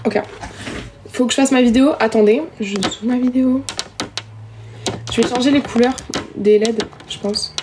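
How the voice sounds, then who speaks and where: A woman's voice: a little high, fairly even intonation, moderate pace, long pauses, noisy background. A young woman chatting casually with viewers during a live stream, self-mocking and talkative, recorded on a phone at home. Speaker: livestreamer.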